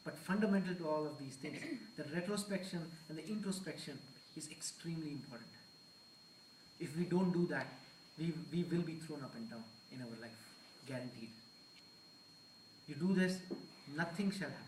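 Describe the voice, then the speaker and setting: Man, earnest temple discourse, higher voice, echoey hall, far from mic. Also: moderate pace, a little mellow, a little hiss or hum. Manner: earnest, mixes Hindi phrases into English. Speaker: temple speaker.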